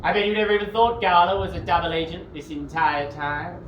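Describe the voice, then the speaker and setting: A man's voice: high voice, steady tone, brisk, distant mic, dull audio, lightly acted. A man playing a bickering supervillain. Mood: smug, petulant. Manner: theatrical menace broken by coughing and squabbling. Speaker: actor in a sketch. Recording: echoey room with noise.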